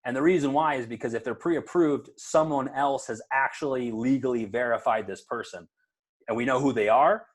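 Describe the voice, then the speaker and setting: A man's voice: mid-range voice, normal speed. A man running a casual real estate training over a video call, talking in a loose, coaching way and acting out conversations with clients. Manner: conversational, coaching, acts out client dialogue, many fillers.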